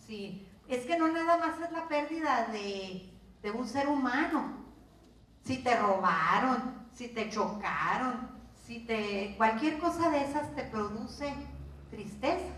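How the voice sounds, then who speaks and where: An older woman with a Mexican accent giving a workshop lecture as course instructor, talking conversationally and putting questions to her audience. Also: fairly high pitch. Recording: roomy sound from a distance.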